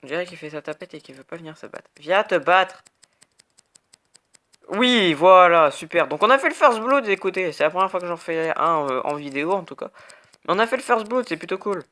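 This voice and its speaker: Sharp-toned and expressive, this gaming YouTuber's voice sits high and moves briskly. He's a young man with a cold, rambling casually over a video game. Sound words like "hop," "bam" and "tac" keep popping up.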